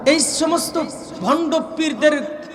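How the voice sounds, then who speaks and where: A man from Bangladesh with a Gaibandha Bengali accent, preaching a waz sermon that he shouts and breaks into slow chanted verses, calling on the crowd to repeat after him. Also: extremely high pitch, echoey room, in a large hall, background noise. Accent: Gaibandha region Bengali. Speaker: Islamic preacher.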